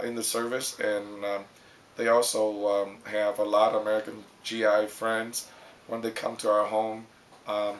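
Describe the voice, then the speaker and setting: A middle-aged man from Vietnam, recalling his youth in an oral history interview, in a halting way full of ums and uhs. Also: fairly low pitch, a bit bright, a little hiss or hum, rough recording.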